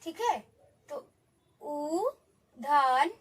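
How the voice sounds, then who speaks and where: Woman, primary school teacher, very high voice, slow and drawn out, coaxing, repeats sounds for kids to echo. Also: lively intonation. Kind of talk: online lesson for young children.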